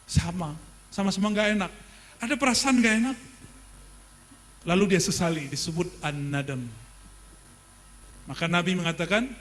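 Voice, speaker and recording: A middle-aged man preaching a sermon, conversational, asking his listeners questions and joking with them. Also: high voice. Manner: conversational, asks the audience questions and jokes. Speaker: Islamic preacher teaching a classical text.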